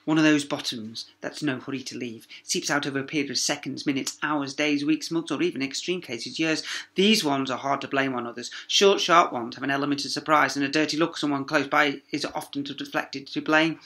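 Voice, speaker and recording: A man reads a children's story aloud like a primary school teacher, dramatic and emphatic, using pointed pauses and sound words. His voice has medium pitch and a sharp tone.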